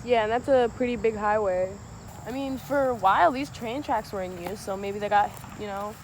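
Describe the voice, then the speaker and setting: A woman's voice: medium pitch, normal speed. A woman co-hosting a paranormal investigation outdoors, chatting casually in brief, tentative remarks. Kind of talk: casual chat while watching a meter. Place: outdoors by disused train tracks. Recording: very noisy outdoor recording with insects, vehicles.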